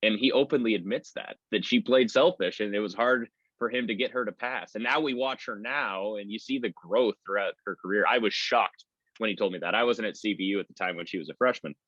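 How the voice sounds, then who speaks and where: A man with a low voice chats about sports in a loose, discursive style, much like an announcer being interviewed. He talks briskly and at length, drifting from one point to the next. His tone is slightly bright and a little rough, and the recording sounds somewhat dull and lo-fi, with no echo.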